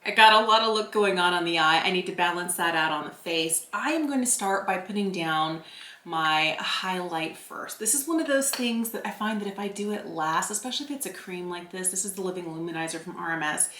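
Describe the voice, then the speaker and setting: A woman in her forties, a beauty vlogger, chats casually through a makeup tutorial, narrating each step with self-deprecating asides. Her voice sits on the low side with a bright, forceful tone, and the sound is roomy.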